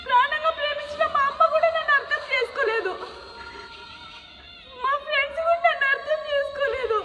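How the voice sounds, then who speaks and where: A woman's voice: very high voice, fairly quick, pushed and bright, faint music behind. Young woman crying out on a stage. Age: young adult. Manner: tearful, pleading, anguished. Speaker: student actor playing the sick daughter. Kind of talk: stage drama acting. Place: large hall, stage. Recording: echoey hall from far off.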